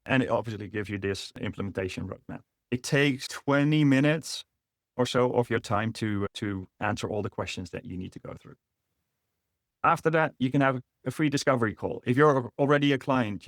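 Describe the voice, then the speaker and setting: A middle-aged Dutch man with a Dutch accent presents a business webinar online, explaining things with frequent fillers and restarts. His fairly low voice is recorded with studio quality and no echo.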